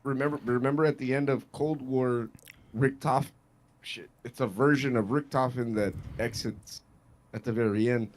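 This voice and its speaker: A man's voice: medium pitch, fairly even intonation, moderate pace, a little hiss or hum. A man co-hosting a casual gaming podcast over an online call, chatty and loose, swearing often. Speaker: podcast co-host.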